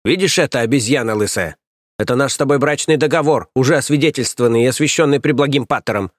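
A man voicing a coarse, scheming stout nursemaid woman who scolds and sneers in a raised, shrill voice. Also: quick pace, no room sound, studio quality, close to an everyday voice. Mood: scolding. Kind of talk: audiobook character voice.

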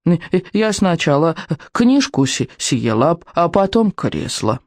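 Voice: mid-range voice, very animated, no room sound, studio quality. A reader voicing a small, timid young male dragon who stammers and halts over his words. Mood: whimpering. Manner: stammering, halting, slow.

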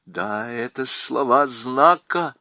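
A man's voice: mid-range voice, slow pace, pushed and bright, no room sound, studio quality, exaggerated voice. A man voicing a wary young boy who speaks carefully and uneasily. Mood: uneasy.

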